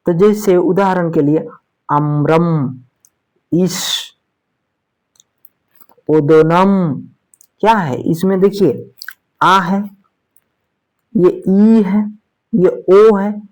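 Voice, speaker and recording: A Sanskrit teacher gives a spoken grammar lesson. The teacher often asks a question and then answers it, keeps checking in with "theek hai", and draws out example sounds slowly. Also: mid-range voice, darkish tone.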